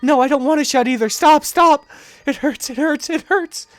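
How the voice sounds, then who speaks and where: A man's voice: high voice, fairly quick, natural voice. A man reading a visual novel aloud, voicing a teenage girl sliding into curse-driven madness with frantic repeated pleading. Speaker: let's play reader voicing all parts.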